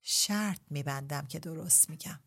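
A woman's voice: low-pitched, fairly bright tone. A woman doing a leering, insistent young husband.

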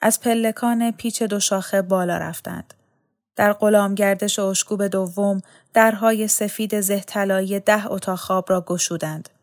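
Brief: female audiobook narrator, calm and measured, mid-pitched.

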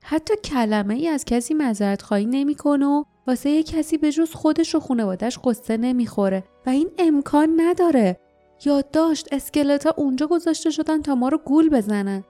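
A woman's voice: high-pitched, animated, warm tone, faint music behind, voice pushed up. A woman voicing an earnest, worried young male hero in a storybook reading, reasoning urgently.

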